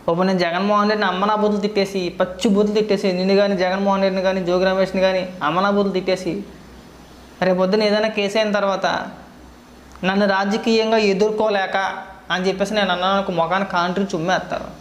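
A man's voice: high-pitched, flat delivery, very fast, roomy sound, slight background noise. A man giving a political commentary monologue, scolding with sarcastic rhetorical questions.

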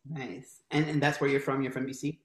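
A young man from Maryland hosting a casual video call interview, upbeat and laughing, talking in quick bursts. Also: mid-range voice, little pitch movement. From Maryland, United States. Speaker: host. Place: home room. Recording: roomy video call audio.

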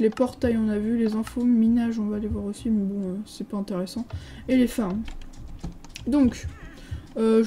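The audio is poor, and the woman's voice is fairly high with a dark tone. She is a French gaming video creator touring a game server, offering hesitant, casual commentary and reading signs aloud with many filler sounds.

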